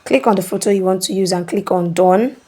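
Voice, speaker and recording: A woman's voice: medium pitch, fairly quick, dark tone. A woman hosting a screen-recording tutorial, explaining steps patiently and checking in with "okay?". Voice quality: instructive, repeats "okay?" to check in. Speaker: tutorial host.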